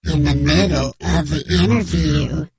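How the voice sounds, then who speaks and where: A man playing an anonymous male informant whose voice is disguised, speaking in a slow, solemn, mock-dramatic way on a comic sports radio bit. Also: fairly high pitch, a crowd in the background. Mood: grave, mock-secretive.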